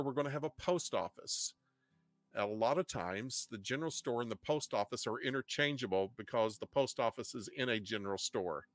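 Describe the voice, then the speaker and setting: A man's voice: medium pitch, fairly bright tone, no echo. Middle-aged man with an Ozark twang. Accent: Ozark Missouri twang. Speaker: host, history teacher. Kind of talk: informal online history lecture. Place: indoor home studio. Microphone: desk microphone up close, headset on.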